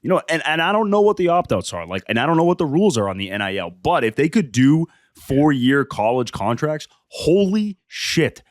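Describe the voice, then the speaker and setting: Laid-back dude on a sports podcast, kinda frustrated, dry mic. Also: male voice, on the high side, sing-song, a little fast, few pauses, dry recording. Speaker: podcast co-host. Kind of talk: casual sports podcast chat.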